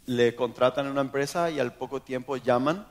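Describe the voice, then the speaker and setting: Argentine pastor preaching in an echoey hall. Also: male voice, mid-range voice, a little fast. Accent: Argentine Spanish. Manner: animated storytelling, acts out quoted voices. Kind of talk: sermon. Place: church. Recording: long hall reverb.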